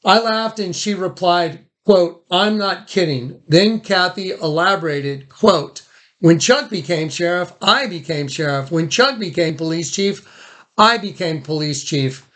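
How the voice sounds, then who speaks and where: Here a man with a high, fairly bright voice takes his time. He's the host recording a phone statement, talking casually and informally with some rambling.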